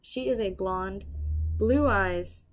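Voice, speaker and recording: A young woman casually telling a dramatic personal story to the camera, animated and given to swearing. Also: medium pitch, takes it slowly, faint music behind. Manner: animated, swings loud and quiet, swears casually. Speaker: property manager telling a story.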